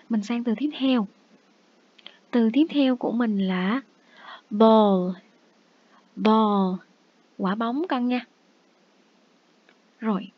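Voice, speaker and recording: In a muffled, lo-fi recording, a woman reviews English words with young children. Her voice sits somewhat high and husky, and she gently coaxes them, saying each word slowly and then repeating it.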